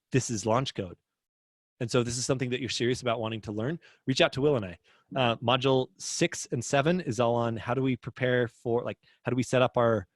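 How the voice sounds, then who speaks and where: A man's voice: mid-range voice, no echo, studio quality. A man hosting a casual livestream lesson as a business coach, chatty and upbeat, reading viewer comments aloud.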